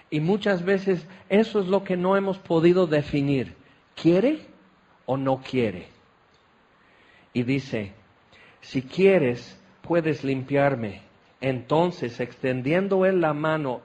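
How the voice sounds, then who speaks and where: A man's voice: a little high, darkish tone. A man preaching a sermon at a tent meeting. He tells the scenes dramatically, acting them out with exclamations.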